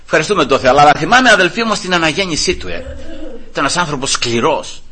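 A middle-aged man from the Peloponnese preaching a testimony sermon in church. His voice is husky and forceful, pitched a little high, and it rises and falls widely as he tells his story. He keeps turning to address the congregation as he goes. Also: lively intonation. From Greece, Peloponnese.

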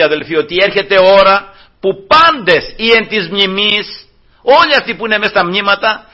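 A man's voice: high-pitched, sharp tone. A man preaching a sermon, addressing his brothers, acting out the dialogue of the people he tells about and chuckling often. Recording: dull lo-fi recording.

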